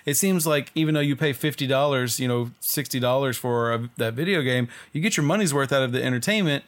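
Rambling man, halting podcast co-host. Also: mid-range voice. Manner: rambling, halting, with many restarts and fillers. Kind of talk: casual chat.

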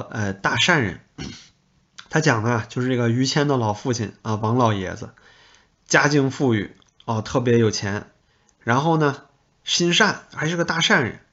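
A man from China gives a political commentary monologue. He is blunt and mocking, and he throws in crude insults. His mid-pitched voice comes through slightly muffled, lo-fi audio. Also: a bit bright. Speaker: podcast host.

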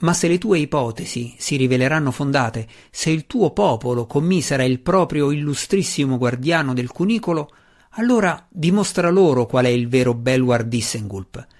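A man voicing an earnest, wry dark elf warrior, speaking in a pressing, slightly raised voice. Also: medium pitch, expressive, moderate pace, natural voice.

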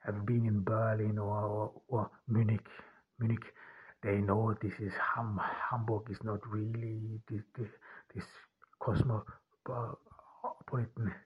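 A man from Austria talking alone on his podcast, halting often and repeating words as he restarts his sentences. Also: fairly low pitch, slightly rough, narrow, tinny audio. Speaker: podcast host and author. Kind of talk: unscripted solo podcast monologue.

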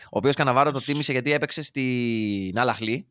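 A man co-hosting a casual football podcast, talking in an animated, jokey way and often trailing off mid-sentence. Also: mid-range voice, clean tone, no room sound, clean studio sound. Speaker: podcast co-host.

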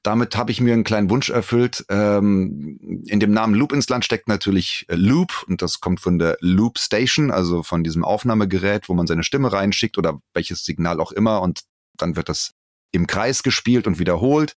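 In clean studio sound with no room noise, a man with a fairly low voice speaks at a moderate pace. He's a voice actor and live performer being interviewed, talking casually and thoughtfully, explaining his work and sharing anecdotes.

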